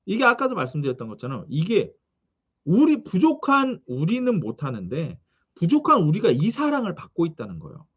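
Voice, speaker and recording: A man preaching a sermon, reading scripture and telling its background in an animated way, with frequent questions to the congregation. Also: high-pitched, brisk, husky, muffled recording. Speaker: pastor.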